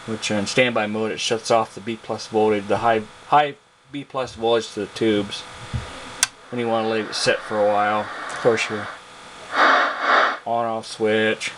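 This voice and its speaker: A hobbyist radio collector presents a casual, unscripted show-and-tell of products on video. He has a low voice and speaks a little slowly. A loud, steady hum and hiss run underneath.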